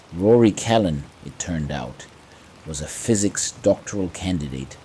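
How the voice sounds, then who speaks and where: A man with a very low voice tells a horror story in a hushed, creeping manner. He speaks very slowly, in measured phrases with dramatic pauses, over faint rain. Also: slight background noise, low-quality recording. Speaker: narrator of horror stories. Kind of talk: scripted horror story narration to fall asleep to. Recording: faint rain ambience behind. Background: soft rain sounds.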